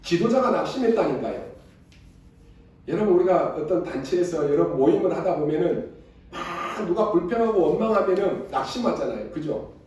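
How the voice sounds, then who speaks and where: A man preaching a sermon in a high, ringing voice, firing rhetorical questions at his congregation. He sounds set back from the microphone, and his words bounce around a big, very echoey church hall. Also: lively intonation, moderate pace, darkish tone, recorded from a distance. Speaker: pastor. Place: church sanctuary.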